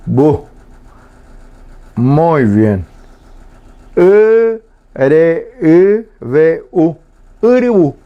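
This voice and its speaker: A man teaching a language lesson on the radio, saying each word slowly and repeating it twice with pauses. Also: a little high, sing-song, lo-fi sound. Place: radio studio.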